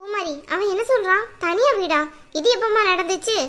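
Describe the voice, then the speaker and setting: A woman's voice: very high-pitched, moderate pace, pushed and bright. A woman voicing a stern older aunt who scolds her nephew bluntly in a family drama skit. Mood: reproachful.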